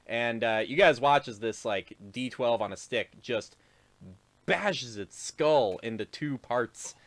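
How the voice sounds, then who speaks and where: A man's voice: medium pitch, slow pace. Chuckling man running a tabletop game. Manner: chuckles often, loose rambling with fillers. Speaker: game master.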